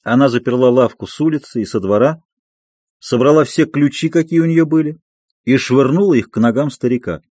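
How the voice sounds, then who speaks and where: A man reading a classic story aloud as an audiobook narrator, expressive and literary. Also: medium pitch, brisk, dry recording. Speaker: audiobook reader. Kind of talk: scripted narration.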